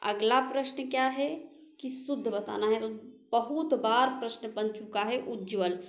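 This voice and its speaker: A woman's voice: fairly high pitch, a little slow, reverberant. A woman teaching a Hindi spelling lesson for exam preparation, who goes through answers one by one, repeats the correct words and asks rhetorical questions.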